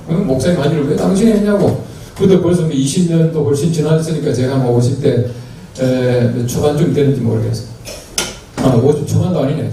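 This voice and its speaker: An older man, a pastor, tells a church anecdote with a dark, mellow voice that sits a little high. He is miked from a distance in a very echoey hall, with faint noise behind. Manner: storytelling, acts out dialogue, chuckles. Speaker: pastor giving a lecture. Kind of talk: anecdotal sermon talk. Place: large hall at a retreat.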